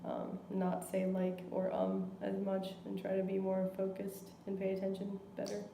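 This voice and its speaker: A woman's voice: mid-range voice, completely flat delivery, normal speed, vocal fry, warm tone, slight background noise. A young woman answering interview questions casually, filling her speech with "like". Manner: casual, lots of 'like'. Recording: echoey room.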